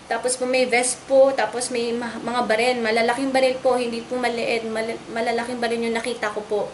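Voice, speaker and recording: A young woman giving an emotional, distressed testimony, polite and halting, often repeating herself. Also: high voice, slight background noise. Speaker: wife recounting a raid on her home.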